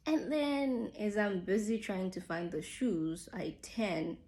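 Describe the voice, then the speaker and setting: A woman's voice: mid-range voice, slow pace, a little mellow. A young woman casually telling viewers a personal story, full of "like" fillers and calling them "guys". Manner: chatty, frequent "like" fillers, addresses viewers as "guys". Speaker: vlogger telling her engagement story.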